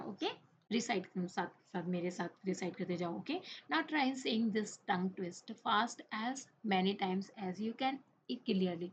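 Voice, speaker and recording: A woman teaching an English lesson in Hindi, mixing in English words, reading the English text slowly and checking in with "okay?" after nearly every line. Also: medium pitch. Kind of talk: classroom lesson explanation. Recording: dull lo-fi recording with faint noise.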